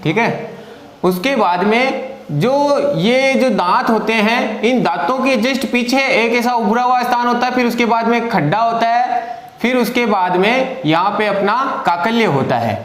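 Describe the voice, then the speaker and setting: A man's voice: very high voice, a little slow, fairly bright tone, reverberant. A man teaching Hindi grammar in an online lesson, explaining step by step and asking and answering his own questions.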